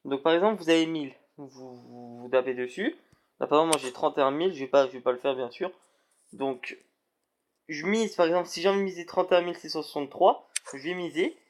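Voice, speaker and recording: A man's voice: on the high side, fast talker. A young man explaining a game in a screen-recorded walkthrough, with many fillers and restarts. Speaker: gaming video creator.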